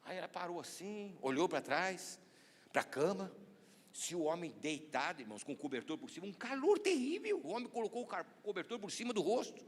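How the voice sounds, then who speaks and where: A man with a Brazilian Portuguese accent, a pastor preaching a sermon and telling a story with animated, acted-out voices. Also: high-pitched, a little fast. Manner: animated, acts out voices in anecdotes. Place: church sanctuary. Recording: reverberant church hall.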